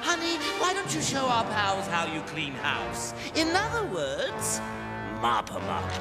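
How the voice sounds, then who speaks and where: A high, wildly swooping voice of a manic male clown supervillain, drawing out his words with sing-song menace. He giggles and flips from silky purring to shrieking glee. A loud orchestral cartoon score plays under every line. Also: wildly swooping pitch, measured pace, over loud music, exaggerated voice. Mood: gloating mania. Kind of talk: animated series voice acting. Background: orchestral score and sound effects.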